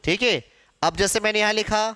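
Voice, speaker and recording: A man's voice: high voice, a little fast, pushed and bright, clear, resonant tone. A male Hindi teacher giving a classroom lecture, asking questions and answering them himself while drilling pronunciation aloud. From India.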